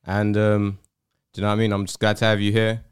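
A man's voice: fairly low pitch, monotone, fast, clean tone. A man with a London roadman accent, hosting a casual chat show in a laid-back, slangy way. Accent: London roadman, urban slang. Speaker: podcast host.

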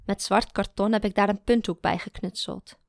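A woman narrating a first-person story in a calm, even storytelling manner. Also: medium pitch, normal speed, creaky, dry recording, studio quality. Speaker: audiobook narrator.

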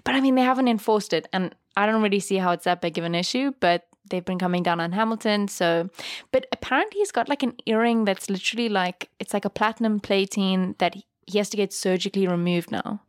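A woman's voice: mid-range voice, fast talker, dry recording, clean studio sound. A young woman from Africa, co-hosting a casual podcast chat in a giggly, chatty way. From South Africa. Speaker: podcast co-host.

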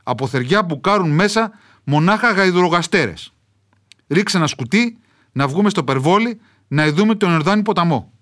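A man's voice: high voice, expressive, a bit bright, voice pushed up. A man voicing a hearty Greek-Kenyan ranch owner who speaks an old rustic mountain Achaean Greek dialect with a heavy drawl and a folksy, fatherly manner. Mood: hospitable.

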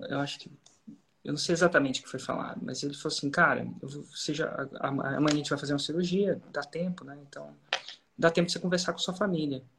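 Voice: mid-range voice, fairly bright tone. A speaker with a Brazilian accent, hosting a podcast and telling a story in a casual, conversational way. The speaker acts out quoted dialogue and often says "cara". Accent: Brazilian Portuguese.

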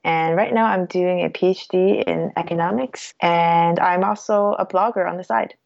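A woman's voice: fairly low pitch, fairly even intonation, normal speed, creaky, darkish tone. A woman in her twenties, a guest in an interview, answering casually with fillers and self-corrections. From Canada. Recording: dull lo-fi sound.

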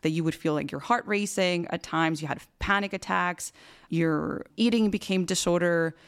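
A woman therapist asks gentle, supportive questions at a measured pace. Her voice is smooth and clear. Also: lowish voice. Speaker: interviewer, therapist.

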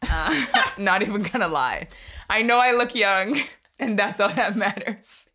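Bright-voiced young woman hosting a podcast. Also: medium pitch, expressive, measured pace, a little hiss or hum. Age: 20s. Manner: chatty, laughs often, jokey. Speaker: podcast host. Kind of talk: casual chat.

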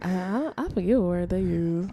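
A woman's voice: on the low side, lively intonation, normal speed, very noisy. A young woman co-hosting a podcast, chatting casually, joking and breaking into song and laughter. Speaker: podcast co-host.

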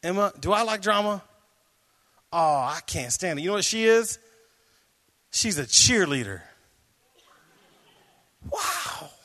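A man preaching a sermon as pastor, reading scripture aloud and joking with his listeners in an animated way. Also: high-pitched, normal speed, pauses often. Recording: long hall reverb.

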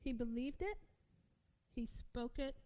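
A woman preaching a sermon, excitable and prone to shouting out her points with sudden bursts. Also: high-pitched, takes it slowly, rough recording.

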